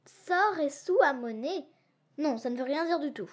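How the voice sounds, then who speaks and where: A stubborn, fearless young girl talks back in a storybook audiobook, as a woman reading the tale plays her. The voice is high and bright, cheeky and impatient. She puzzles things out aloud. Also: lively intonation, moderate pace. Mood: pondering. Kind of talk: storybook narration.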